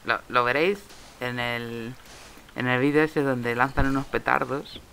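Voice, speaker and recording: A young man with a Spain Spanish accent talks through a Minecraft session in an unhurried, gravelly voice with a bright, sharp edge. He mutters to himself and swears at the lag as he plays. A faint hiss sits under the recording. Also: medium pitch, steady tone, low-quality recording. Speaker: Minecraft let's player. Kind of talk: casual gameplay commentary.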